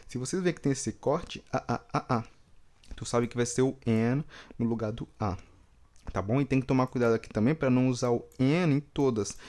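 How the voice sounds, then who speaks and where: Brazilian guy teaching english online, middle pitch, lively, repeats every example, keeps checking in with viewers. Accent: Brazilian Portuguese. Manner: lively, stressing words with sudden upward pitch. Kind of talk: online English lesson for Portuguese speakers.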